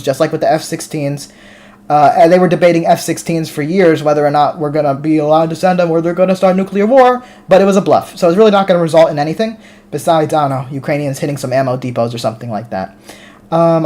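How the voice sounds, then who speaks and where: A slightly high, darkish-toned voice belongs to an American livestream host who reads viewers' comments aloud. He replies casually and tends to restart his words frequently.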